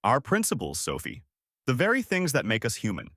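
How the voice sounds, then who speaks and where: Guy doing calm dignified ambassador, quiet and restrained, pitch moves around a lot. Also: a little fast, breathy edge, dry recording, clean studio sound, heavily acted.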